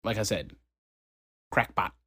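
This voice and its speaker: Young guy podcast host telling a story, acts out the other people's voices. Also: a little slow. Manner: animated storyteller acting out quoted voices. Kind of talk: casual storytelling chat.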